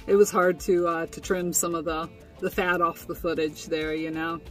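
A young woman chats through her day in a relaxed vlog recap from inside a tent, full of fillers and easy laughs. She sits a little back from the camera, with faint music playing underneath. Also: fairly low pitch, moderate pace, far from the mic. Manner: chatty, with frequent fillers and laughs. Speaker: vlogger. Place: inside a tent, small and indoors.

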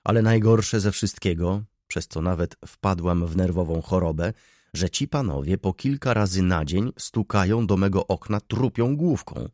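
A man's voice: low-pitched, moderate pace, darkish tone, dry recording, clean studio sound, lightly acted. A man voicing a theatrical, complaining middle-aged baroness in an audiobook, with a raised, plaintive tone. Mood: wailing complaint. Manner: plaintive, exclaiming.

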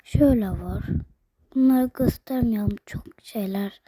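A woman vlogger whispering softly as she shows things to her viewers, her voice a little hoarse from being ill. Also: medium pitch, unhurried. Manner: soft whisper, addressing viewers as friends. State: ill, voice going hoarse at times. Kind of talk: whispered show-and-tell vlog.

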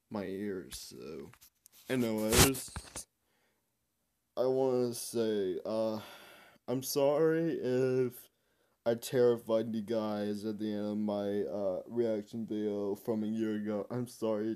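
A man voicing a slow, smooth-voiced animatronic rabbit. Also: fairly low pitch, dark tone. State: complaining of pain from springlock. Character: animatronic rabbit reacting to comedy clips, male. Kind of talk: fan reaction voice acting.

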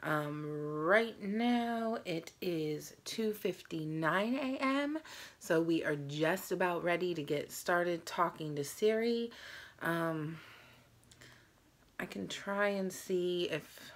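A woman in her thirties hosts a casual vlog and sounds tired. Her voice sits on the low side and has a gravelly fry in it. She talks conversationally to the camera. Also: lively intonation, slow. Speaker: host of a challenge video. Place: small room at home.

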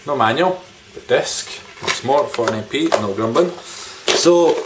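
Showing off game pickups to camera, a video game collector in his thirties chats in a rambling, mildly sweary, informal way from a small living room. His medium-pitched voice has lively intonation and a slightly slow pace, against background noise and room ambience.

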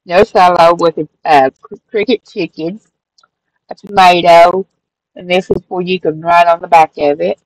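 A crafting channel host in her middle years pages through her handmade journal at a table in her craft room, speaking at a normal pace in a lowish register. She's laid-back and a little rambling, with fillers and self-corrections, and the recording is dry and low in quality.

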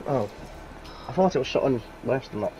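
A young man chatting casually while playing a co-op game, swearing often and calling out quick directions. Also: medium pitch, lively intonation, dull audio, noisy background. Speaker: gamer. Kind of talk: casual gaming chat.

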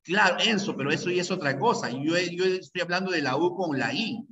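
Brisk, bright and forceful, the high-sitting voice belongs to a Peruvian man teaching pre-university language classes. He drills rules over and over and keeps asking students checking questions. The recording has a distant mic, room echo and a dull sound.

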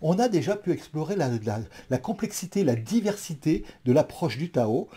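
A man's voice: a little high, sing-song, normal speed, mellow, slightly rough. A man teaching a spoken lecture, thoughtful and full of fillers, leading his listeners through imagined scenes.

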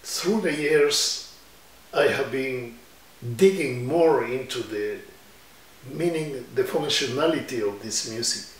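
Slow-talking older man from Ecuador. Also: mid-range voice. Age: 70s. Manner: slow, reflective storytelling with hand gestures. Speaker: musician. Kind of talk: oral history interview. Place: indoor room with guitars on the wall. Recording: roomy sound from a distant mic.

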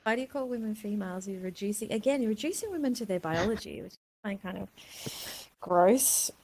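An older adult woman with a mid-pitched voice talks in an articulate way, calmly challenging and pushing back on points in casual argumentative chat. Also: fairly quick.

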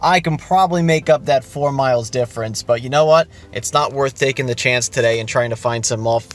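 Here a man of medium pitch speaks briskly as a vlogger on the highway, narrating his road trip from the car. The talk is casual, chatty and upbeat, with him thinking aloud and dropping in fillers.

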